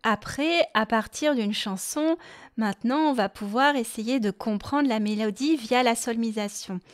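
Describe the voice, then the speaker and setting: A woman from France hosting a music lesson podcast for parents, explaining gently and singing short rhymes. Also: fairly high pitch, measured pace. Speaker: music teacher and podcast host.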